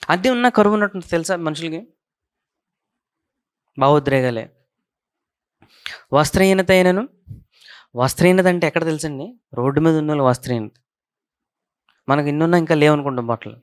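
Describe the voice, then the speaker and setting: A man's voice: on the high side, normal speed, pauses often, smooth, dry recording, clean studio sound. A male pastor gives a conversational sermon, repeating his key points and often asking whether listeners follow.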